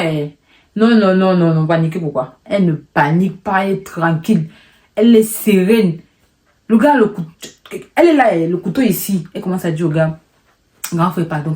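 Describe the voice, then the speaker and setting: A young woman telling a personal story in a casual vlog, animated and emotional, repeating words for effect. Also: fairly low pitch.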